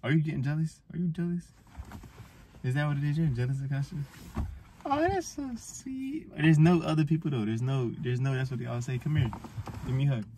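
A man's voice: medium pitch, quick pace, dark tone, slight background noise. A man hosting a vlog, teasing and rambling jokily through a blindfolded date skit. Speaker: vlog host.

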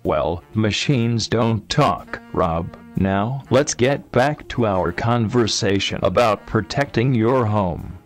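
A smug male robot telemarketer, with a synthetic computer voice that is pitched a little low. It runs a flat, mocking sales pitch and slips insults in between the offers, all with light music underneath. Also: slow pace, hardly any pauses. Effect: text-to-speech voice.

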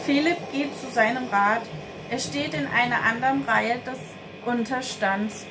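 Female storyteller, high-ish voice, unhurried, noisy recording. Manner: slow, careful read-aloud delivery. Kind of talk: scripted narration of a children's story.

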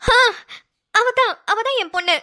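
A woman voicing a kind, tender-hearted middle-aged mother in a homemade cartoon. She speaks gently and motherly, pleading softly. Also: very high-pitched, unhurried, heavily acted. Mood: warm.

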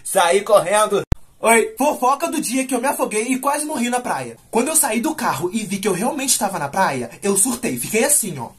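A man's voice: high voice, sing-song, moderate pace, breathy edge. A young Brazilian man telling a comic personal story, self-mocking and exaggerated.

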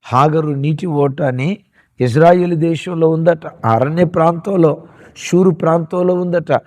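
A man's voice: a little high, darkish tone, no echo. Fervent male preacher, dry sound. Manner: fervent preaching, calls listeners brother and sister, repeats phrases; slows down for solemn lines. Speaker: pastor. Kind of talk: sermon.

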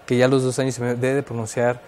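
A man's voice: mid-range voice, little pitch movement, racing, darkish tone, a little hiss or hum. A man with a Mexican Spanish accent, talking as an expert guest on a radio show and explaining child development in a thoughtful way, with fillers and restarts.

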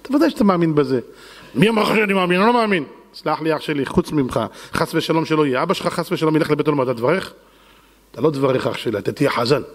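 A man's voice: fairly high pitch, animated, in a large hall. A man preaching a sermon as a rabbi, fervent and dramatic, acting out the voices he quotes.

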